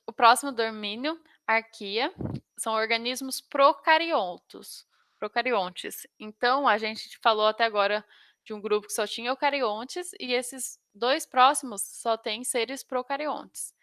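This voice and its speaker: A woman's voice: on the high side, a little slow, a bit bright, no echo. A Brazilian woman with a slight tongue-tied lisp, teaching an informal biology lesson to exam students and stumbling over technical terms.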